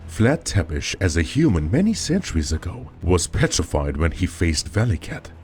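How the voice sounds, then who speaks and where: A man narrating a scripted horror story as storyteller, with dramatic, expressive delivery. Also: low-pitched, moderate pace.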